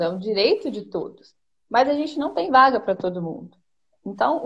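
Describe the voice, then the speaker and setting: A woman's voice: a little high, a little mellow. Brazilian woman explaining policy over lo-fi stream. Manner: methodical, lays out points one by one. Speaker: education policy consultant, guest. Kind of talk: explanatory live-stream conversation. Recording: dull lo-fi stream audio.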